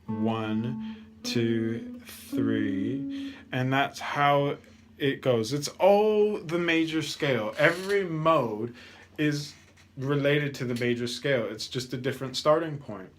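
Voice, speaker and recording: A man's voice: mid-range voice, slow pace. A man teaching a guitar lesson, patiently counting out scale steps aloud. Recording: guitar playing between lines.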